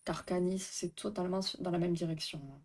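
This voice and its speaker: Her voice is lowish and a little mellow, with little pitch movement. She's a therapist on a live stream, reading viewers' chat aloud and chatting casually, speaking quickly and stumbling over words.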